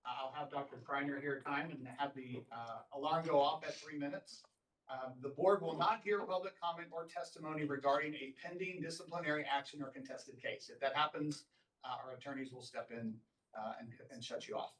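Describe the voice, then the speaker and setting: A man runs a formal board meeting in a courteous, measured way, with plenty of fillers. His voice sits a little high. It is picked up from a distance in a roomy, echoing room. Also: a bit bright. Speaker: board chair running a public meeting. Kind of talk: formal meeting procedure, plain and patient. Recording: roomy sound from a distant mic.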